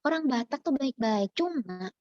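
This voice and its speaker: A woman from Java, a university lecturer, speaking in a chatty, animated way with many fillers, as a webinar speaker. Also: on the high side, moderate pace, no echo, highs cut off. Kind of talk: informal lecture. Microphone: video call.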